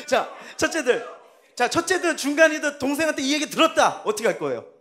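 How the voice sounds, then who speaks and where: A man preaching a sermon as pastor, telling a story with laughter and acted-out dialogue. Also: very high-pitched. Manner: lively storytelling, acting out family quarrels with laughter. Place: church sanctuary.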